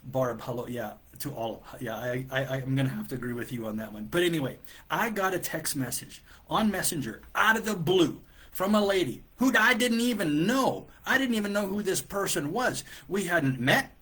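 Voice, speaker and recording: A man hosting a live coaching show, telling a story in an animated, exasperated way with many restarts. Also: on the high side, normal speed, husky. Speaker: business coach and host.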